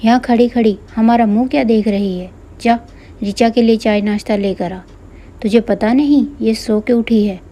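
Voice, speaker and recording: A woman's voice: fairly high pitch, measured pace, dark tone. A woman voicing a harsh, bossy middle-aged mother-in-law who scolds her daughter-in-law, in a storybook reading. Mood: scolding.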